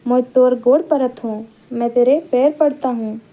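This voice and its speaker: A woman's voice: a little high, unhurried, phone-quality sound, natural voice. A woman reading the lines of a rat king who begs a boy to spare him, in a storybook lesson. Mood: pleading. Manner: pleading. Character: pleading rat king begging for his life.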